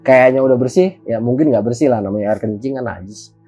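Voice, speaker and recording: A man with a Jakarta accent telling a story as a guest in a casual, animated, slangy way, often turning to address the host. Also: medium pitch, a little fast, slightly rough, faint music behind. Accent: Jakarta Indonesian.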